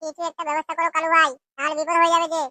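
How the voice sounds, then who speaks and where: A woman's voice: very high-pitched, flat delivery, very fast, pushed and bright, exaggerated voice. A woman voicing a worried young married woman in a comic cartoon, anxiously pleading for help.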